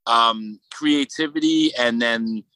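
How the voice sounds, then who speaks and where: A man with a Brooklyn accent talking casually as a podcast guest, in a halting, rambling way full of "you know". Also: medium pitch, bright, forceful tone, smooth, no echo, rough recording. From Brooklyn, New York. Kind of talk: casual conversational interview.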